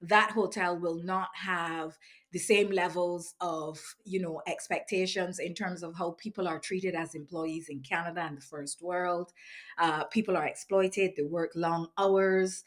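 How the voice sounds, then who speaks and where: A woman from Barbados, an activist speaking in an earnest, measured interview, often pausing with ums and restarts. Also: on the low side, fairly even intonation. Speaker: activist in residence. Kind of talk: reflective interview monologue.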